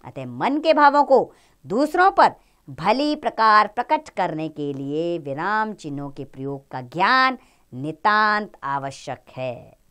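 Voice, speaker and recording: A woman teaching children a grammar lesson, speaking in an expressive, explaining tone. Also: slow, smooth. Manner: expressive, rises and falls in pitch.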